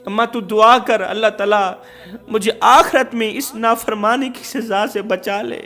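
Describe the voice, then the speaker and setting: A man's voice: high voice, steady tone, pushed and bright, soft background music. A man voicing a maimed young beggar son who pleads mournfully and repents. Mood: remorseful.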